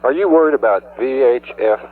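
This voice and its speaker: A man's voice: medium pitch, animated, fairly quick, a little hiss or hum. A man working as a mission flight controller, speaking in clipped technical jargon over a narrow-band radio loop.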